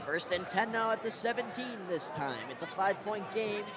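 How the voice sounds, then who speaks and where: A man calling a high school football game live as the play-by-play commentator. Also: animated, moderate pace. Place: outdoor football stadium. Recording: noisy outdoor stadium, loud crowd.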